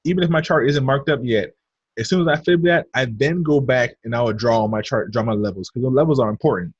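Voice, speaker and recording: A man leads a casual trading lesson over a screen share and keeps calling his viewers "you guys" as he explains. His voice is a little husky and sits at an ordinary pitch. The recording sounds dull and dry, like a basic computer mic at a desk. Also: quick pace, dry recording. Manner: chatty, addresses viewers as "you guys", talks to himself while drawing. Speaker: trading instructor.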